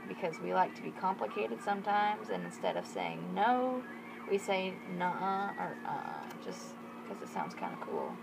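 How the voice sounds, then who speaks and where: A woman's voice: mid-range voice, wildly swooping pitch, moderate pace, creaky, music in the background, poor audio. A young woman with a Texas accent, chatting informally and in a folksy way as she explains things. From Texas, United States. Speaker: vlogger explaining regional slang. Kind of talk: casual explainer to camera with examples.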